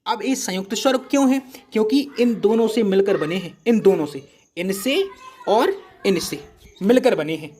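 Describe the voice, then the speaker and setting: High-voiced man teaching patiently. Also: animated, moderate pace, a little mellow. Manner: patient, repeats syllables and checks understanding often. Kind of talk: exam-prep lesson.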